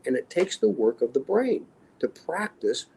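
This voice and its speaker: A man's voice: on the high side, sing-song, moderate pace, creaky, a little mellow, husky, low-quality recording. A man in his sixties, an extreme athlete and interview guest, telling motivational stories in short, punchy, emphatic statements. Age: 60s. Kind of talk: motivational storytelling.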